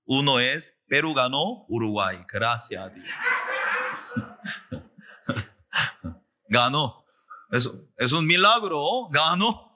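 A male pastor preaching a sermon slowly and emphatically, repeating phrases, calling for responses and acting out quoted voices. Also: animated, bright, forceful tone. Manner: slow, emphatic preaching with repetition and call-and-response; acts out quoted voices with big pitch jumps.

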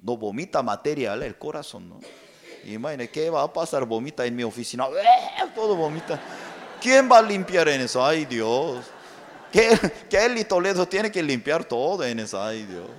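A man preaching a sermon as pastor, telling stories and acting out voices in an animated way. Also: a little high, moderate pace. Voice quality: animated storytelling, acts out voices. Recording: long reverb in a hall.

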